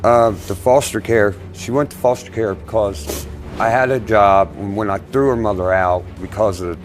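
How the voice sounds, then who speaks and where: A man's voice: lowish voice, fairly even intonation, normal speed, faint music behind. A middle-aged man giving spontaneous testimony in a TV court, earnest and plain-spoken with colloquial phrasing.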